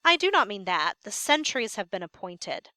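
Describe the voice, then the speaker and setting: A woman's voice: medium pitch, big pitch swings, normal speed, pushed and bright, no echo. A woman voicing a stern male king who gives curt commands, read aloud from a play.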